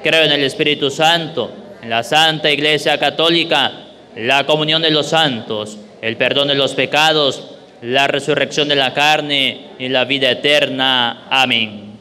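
Man leading Mass prayers, solemn and measured, bright voice, cathedral echo. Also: mid-range voice. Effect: long church reverb. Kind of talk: liturgical reading. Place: large church. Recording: echoey church with faint room noise.

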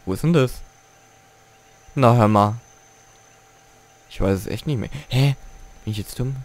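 A man giving casual gameplay commentary at home, excitable, swearing and grumbling at the game as he plays. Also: mid-range voice, a little slow. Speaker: let's play gamer.

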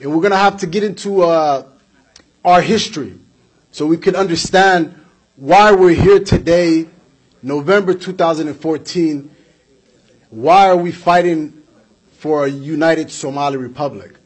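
A young American man delivers an emphatic political speech at a community event, using a podium mic on a stand in an indoor hall with flags behind. His voice is on the high side with a breathy edge, measured in pace with long pauses, and he gestures while hammering points home through repetition.

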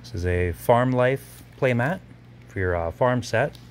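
A man's voice: medium pitch, a little hiss or hum. A man previewing auction lots in a gallery warehouse, listing items one by one in short bursts while filming on a phone. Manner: brisk item-by-item listing. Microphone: handheld phone camera.

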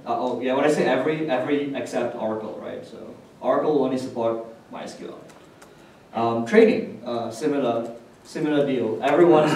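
A conference speaker, a man, presents technical material in an explanatory way in an indoor hotel conference room with a projector screen. His middle-pitched, darkish voice is picked up from a distance by a camera microphone, with very heavy room echo and faint noise behind him.

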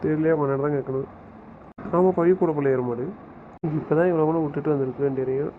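A man's voice: fairly high pitch, steady tone, fast talker. A man on a family phone call, trading teasing, scolding banter with his sister. The sound is tinny and phone-like, with a faint hiss behind it. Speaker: older brother on a phone call. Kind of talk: casual family phone chat.

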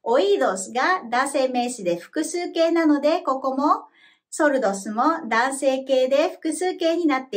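A woman narrating a scripted language lesson, explaining clearly and measuredly, then modeling phrases slowly for learners to repeat. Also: high-pitched, a bit bright. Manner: slow, careful model pronunciation for repeating. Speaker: Spanish language teacher.

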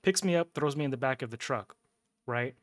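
A man's voice: mid-range voice, expressive, brisk, no echo, studio quality. Rambling, chuckling male streamer. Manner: rambling, profane, chuckling storyteller; sips a drink between lines. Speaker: gaming streamer. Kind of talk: casual livestream storytelling.

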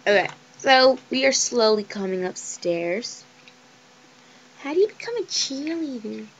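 A young woman giving chatty, excitable commentary over a life-sim game she is playing. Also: a little high, a little slow, dull audio, a little hiss or hum. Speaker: let's play gamer.

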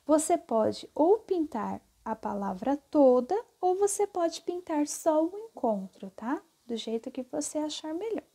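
A woman teacher talks slowly and patiently, going over each step twice and checking in with the class. Her voice sits a little high but sounds mellow and soft. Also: sing-song. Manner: slow, patient, repeats steps with "tá?". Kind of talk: classroom lesson explaining exercises.

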